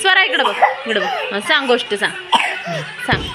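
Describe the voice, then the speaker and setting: A young mother coaxes and teases her kids, now and then scolding them in play. Her voice sits high and swoops up and down with a lot of life. She talks casually, in a home vlog. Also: wildly swooping pitch, fairly quick. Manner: coaxing and teasing, playfully scolding. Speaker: mother filming her children.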